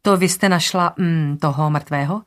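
A narrator voicing a short, round foreign cleaning woman who talks high and in broken grammar. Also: lightly acted. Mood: anxious.

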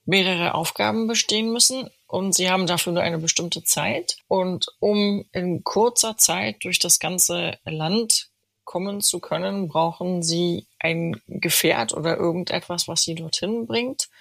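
A woman's voice: fairly low pitch, unhurried, vocal fry, a bit bright, no echo. A woman hosting, casually explaining a fairy-tale story before a reading, with fillers along the way. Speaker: host introducing a reading. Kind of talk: casual spoken introduction.

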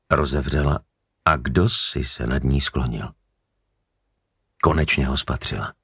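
A man narrating a grim audiobook story in a slow, measured way. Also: rumbling low, vocal fry, breathy edge, no echo, studio quality.

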